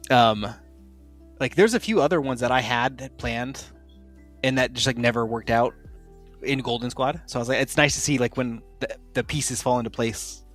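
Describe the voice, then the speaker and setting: A man's voice: medium pitch, normal speed, a bit bright, soft background music. Rambling young male game master. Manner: rambling, lots of filler "like". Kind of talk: casual behind-the-scenes chat.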